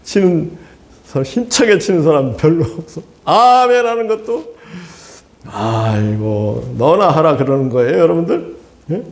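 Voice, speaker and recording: Animated Korean pastor preaching in an echoey hall. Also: male voice, a little high, unhurried. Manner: animated, laughing often, asks the congregation for amens. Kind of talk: sermon.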